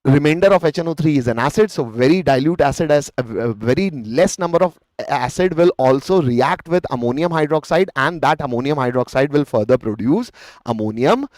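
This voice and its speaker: A man's voice: on the high side, animated, a little fast, a little mellow, no echo. A man with an Indian accent giving a live exam-revision lecture as a teacher, explaining step by step, repeating phrases and answering his own questions. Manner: explanatory, poses questions and answers them himself. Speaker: chemistry teacher.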